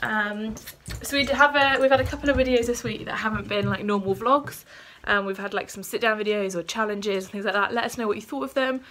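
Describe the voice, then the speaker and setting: This British woman in her twenties has a mid-range, somewhat bright voice with fairly even intonation, talking briskly and barely pausing. Chatty and full of ums, she vlogs casually to her phone camera, congested and mildly out of breath from a cold. Light background noise comes through the phone recording.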